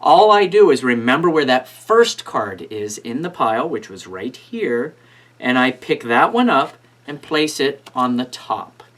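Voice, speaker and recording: A man's voice: medium pitch, sing-song, a little slow, a bit bright. Man doing casual card magician patter. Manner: casual, step-by-step, addressing imagined volunteers. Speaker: magician teaching card tricks.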